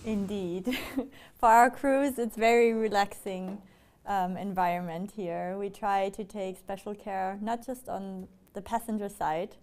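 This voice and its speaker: A woman's voice: mid-range voice, fairly even intonation, measured pace, a little mellow. A woman answering interview questions about arranging private jets, chatty and laughing between points. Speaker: private jet handling staff. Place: airport office.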